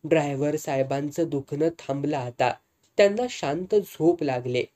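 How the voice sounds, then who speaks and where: A defiant young woman nurse, firm and commanding, as a storyteller plays her. The voice is dark and mellow in an audiobook reading. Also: medium pitch, moderate pace, lightly acted. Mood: calm.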